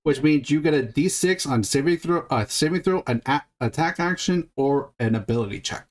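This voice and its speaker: A man's voice: fairly high pitch, expressive, normal speed. Man patiently running a tabletop game. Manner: explains rules patiently, thinking aloud with restarts. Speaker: game master.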